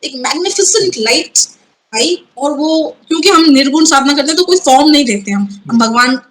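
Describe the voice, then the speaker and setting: A woman guest telling a personal story in an interview, earnest and halting, often restarting her sentences and mixing in English words. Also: sits high, lively intonation, a bit bright, low-quality recording. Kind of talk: personal testimony in a conversational interview.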